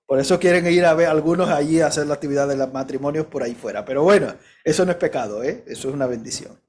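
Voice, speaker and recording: A man's voice: on the high side, fast, darkish tone, slight background noise. A male pastor preaching a sermon, emphatic, warning his listeners directly and asking them rhetorical questions.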